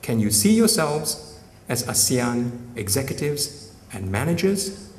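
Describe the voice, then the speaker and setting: A man's voice: mid-range voice, big pitch swings, measured pace. A man giving a keynote speech at a summit, emphatic and often tagging his points with "right?". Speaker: summit speaker. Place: large conference hall. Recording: echoey hall, mic at a distance.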